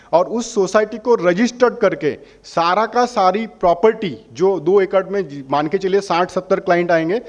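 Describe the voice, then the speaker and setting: A man's voice: high-pitched, darkish tone. A man representing a holiday membership company, answering customers' questions and persuading them by asking questions and answering them himself. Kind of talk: explaining a sales pitch to customers.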